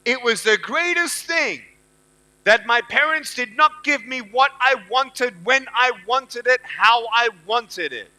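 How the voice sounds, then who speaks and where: A man's voice: very high voice, expressive, takes it slowly, bright, forceful tone, poor audio. A middle-aged man giving a motivational speech to students at a university event. He talks emphatically and repeats his key phrases. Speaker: motivational speaker.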